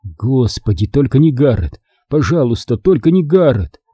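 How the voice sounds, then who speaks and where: A fierce, protective woman commander talks urgently and refuses to give way, as a male reader puts her on. The voice stays dark and husky, lifted only slightly, with a close, dry sound. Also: mid-range voice, sing-song, normal speed, no echo. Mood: pleading.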